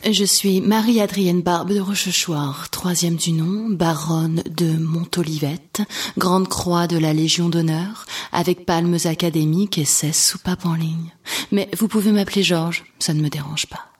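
A woman's voice: on the low side, steady tone, unhurried, darkish tone, slightly rough. A woman voicing a pompous aristocratic old baroness, declaiming her titles in a grand, haughty manner.

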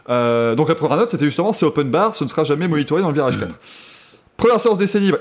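A man with a French accent hosting a casual motorsport podcast, animated and laughing often between many fillers. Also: fairly high pitch. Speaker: podcast host.

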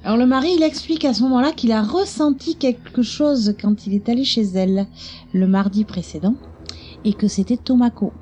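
Mellow-voiced woman laying out a film's plot, detail by detail. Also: on the high side, brisk, a little hiss or hum. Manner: explanatory, detail-focused. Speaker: podcast co-host. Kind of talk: casual film recap chat.

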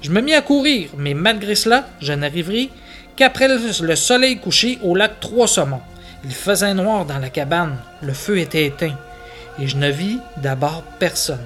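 A man, a podcast host, reading a literary tale aloud in measured narration. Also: high voice, animated, a bit bright, faint music behind. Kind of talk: storytelling read-aloud.

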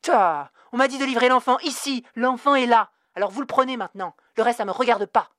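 A woman voicing a quick-tempered young woman courier who rants in indignant, shouting tirades, in an audiobook reading. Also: lowish voice, no room sound, studio quality, voice pushed down, lightly acted. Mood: furious.

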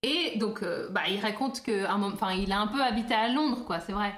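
A woman's voice: medium pitch, fairly quick, a bit bright. A woman chatting casually as a podcast co-host, rambling with lots of hesitations and restarts. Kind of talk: casual chat. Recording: roomy echo.

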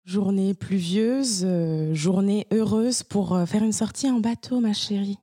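A woman improvises a tender, reassuring partner in a comedy sketch. Her voice is husky, close and dry. She soothes and coaxes throughout. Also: medium pitch, measured pace, mellow, no echo. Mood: coaxing. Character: affectionate woman coaxing her partner onto a boat.

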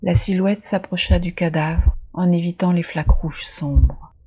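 A storyteller giving a measured, dramatic scripted reading of a dark fantasy tale. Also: medium pitch, steady tone, highs cut off, a little hiss or hum.

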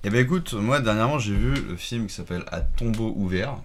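A man's voice: on the low side, animated, brisk. A man in casual podcast chat about films, rambling with many fillers and restarts. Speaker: podcast co-host.

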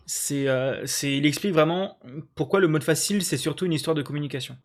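A man hosting a casual video game chat, relaxed and joking, with hesitant restarts. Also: a little high, brisk. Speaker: podcast host.

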